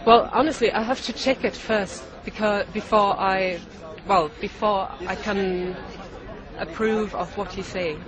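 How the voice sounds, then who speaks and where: A man from Norway, answering in a hesitant, halting way during a street interview. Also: high-pitched, steady tone, rough recording. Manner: hesitant, halting, searching for words. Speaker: campaigner being interviewed. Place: outdoors in a busy city street. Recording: street recording with crowd noise.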